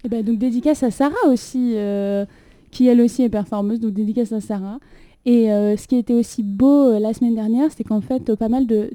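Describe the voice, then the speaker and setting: A young woman, the poet hosting a reading, chats casually and reads poetry, laughing often and using lots of fillers. Her voice is warm and on the high side, recorded without echo on a phone propped on a water carafe in a small room.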